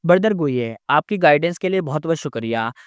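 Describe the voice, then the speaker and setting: Shrewd, polite young immortal man read by a male narrator, smooth voice sitting a little high, dry close sound. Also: expressive, fairly quick, no room sound, lightly acted.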